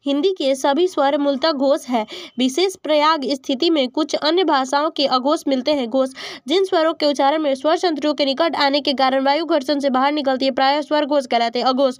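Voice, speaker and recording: High-voiced woman reading a lesson. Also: dry recording, studio quality. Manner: slow, deliberate listing of vowel sounds. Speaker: teacher reading exam answers. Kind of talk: read-aloud exam study lesson.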